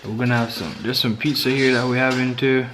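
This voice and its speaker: A man's voice: medium pitch, fairly even intonation, fast. A young man filming a casual prank vlog at home, teasing and laughing with his friend. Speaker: vlogger pulling a prank. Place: home, indoors. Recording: noisy home video.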